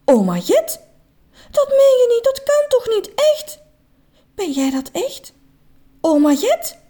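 Brief: woman voicing emotional man, wide-eyed and childlike, high and lively. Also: moderate pace. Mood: amazed, emotional. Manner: astonished, emotional exclamations. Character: grown man overwhelmed, becoming childlike again.

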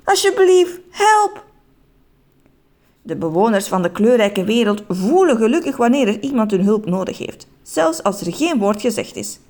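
A woman reading a children's story aloud in an expressive, animated way. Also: medium pitch, moderate pace, hardly any pauses.

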